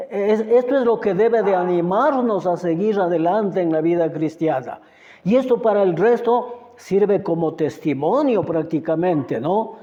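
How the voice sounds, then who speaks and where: A man's voice: sits high, dark tone. A man preaching a Bible study sermon, reading verses and reflecting on them, often asking "¿no?". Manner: slow, reflective, asks "¿no?" often. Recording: muffled sound with long reverb.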